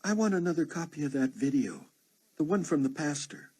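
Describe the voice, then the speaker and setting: A woman's voice: low voice, lively intonation, fairly quick, mellow, breathy edge, pitched above the performer's own voice. A man voicing a shaken, tearful young woman in an audiobook. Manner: tearful, pleading. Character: shaken young adult woman, anxious daughter.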